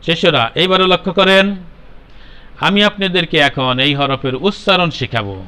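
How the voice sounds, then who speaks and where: A man's voice: sits high, expressive, normal speed, pushed and bright, clear, resonant tone. A man with a Bangladeshi Bengali accent, a Quran recitation teacher patiently drilling a class of children on letter sounds and calling on pupils by name. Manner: patient, repetitive, calls on pupils by name and corrects them.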